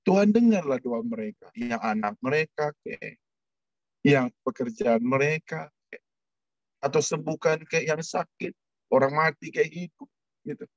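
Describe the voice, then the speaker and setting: A man preaching a sermon, telling an emotional personal testimony with sudden rises in pitch. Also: lively intonation, unhurried, no echo, lo-fi sound.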